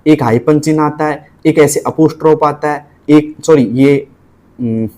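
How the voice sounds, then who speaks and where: Male tutor, Rajasthani Hindi accent, casual teaching delivery, slightly higher voice, spells letters out slowly. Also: steady tone, dark tone. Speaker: typing tutor.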